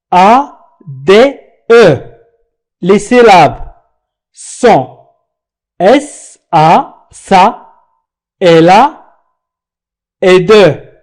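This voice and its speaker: A man teaching French pronunciation, spelling out letters and syllables slowly. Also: high voice, a little mellow. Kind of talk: slow pronunciation lesson.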